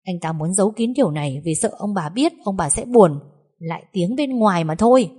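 A woman voicing a sharp-tongued, defiant young daughter-in-law in an audiobook story. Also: medium pitch, expressive, quick pace, lightly acted. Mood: defiant scorn. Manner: cutting, defiant.

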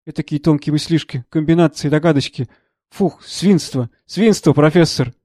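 A man reading the part of a troubled, gentle elderly professor who speaks earnestly and with agitation. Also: fairly high pitch, normal speed, no echo, clean studio sound, natural voice.

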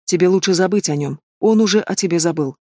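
A man's voice: high-pitched, fast, a little mellow, no room sound, clean studio sound. Man doing cold strict noble mom, curt orders, storybook read. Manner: curt, commanding. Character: stern cold noble mother, commanding.

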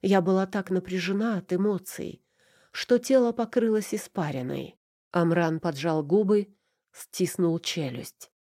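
A woman narrating a first-person romance novel in an emotive, measured reading. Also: on the low side, dark tone, no echo, studio quality. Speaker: audiobook narrator.

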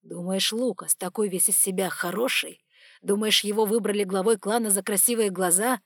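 A woman voicing a stern, furious male dragon bodyguard in an audiobook, speaking loud and clipped through gritted teeth. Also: medium pitch, unhurried, husky, no echo, studio quality. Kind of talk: audiobook character voice.

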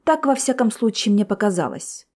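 A woman's voice: medium pitch, lively intonation, moderate pace, darkish tone. Woman narrating a first-person audiobook.

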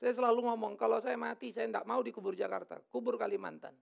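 A middle-aged male pastor preaching a lively, joking sermon in church. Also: extremely high pitch, fast talker, creaky, lo-fi sound. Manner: lively, joking, acts out quoted voices.

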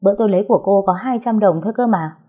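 A woman's voice: mid-range voice, very fast, dark tone, slightly rough, pitched above the performer's own voice, lightly acted. A woman voicing a beaten middle-aged male innkeeper who whines and stammers. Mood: whining. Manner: whining, stammering.

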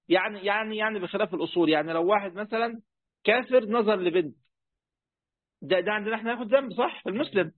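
Egyptian guy teaching a class, fast talker, keeps asking students stuff, tinny dry phone-ish sound. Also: sits high, no echo. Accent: Egyptian Arabic. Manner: conversational, asks students questions, many fillers. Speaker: teacher of Quran commentary. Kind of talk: classroom lesson explaining a text.

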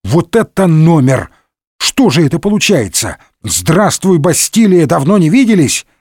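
A man voicing a hot-headed young male musketeer who speaks in excited, indignant bursts. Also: a little high, unhurried, husky, dry recording, studio quality, pitched above the performer's own voice, full character voice. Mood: alarmed.

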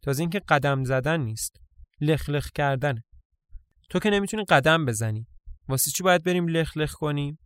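A man's voice: on the high side, lively intonation, fairly bright tone, clear, resonant tone, no room sound, clean studio sound. A man voicing a blunt, mocking teenage village girl in a storybook reading. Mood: scornful. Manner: scornful, teasing.

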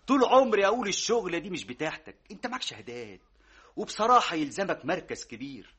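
An actor playing a fawning, flattering Egyptian friend in a radio drama, with an Egyptian Arabic accent. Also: male voice, sits high, fast, husky, heavily acted. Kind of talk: 1960s radio drama acting.

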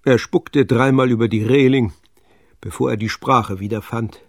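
A man narrates a children's adventure story in a calm, measured way. His voice is husky and mid-pitched, recorded close with no room sound. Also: no room sound.

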